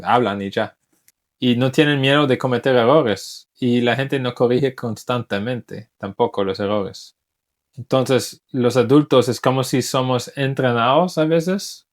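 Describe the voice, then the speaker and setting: A man whose first language is English, an English teacher talking casually in Spanish, thoughtful, often restarting words as he searches for them. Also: mid-range voice. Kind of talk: casual talk to camera.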